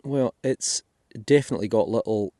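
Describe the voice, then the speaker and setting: A fairly low, warm voice belongs to a Scottish man digging finds in a field, chatting and thinking aloud for his metal detecting vlog. He talks at normal speed, and the sound is echo-free and studio quality.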